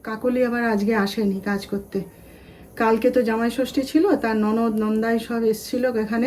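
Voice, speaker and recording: A woman's voice: fairly high pitch, a little mellow. Chatty woman vlogging from her kitchen. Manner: chatty, homely storytelling to viewers. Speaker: family vlogger. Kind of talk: casual home vlog chat. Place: home kitchen. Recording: slightly distant mic, faint room noise.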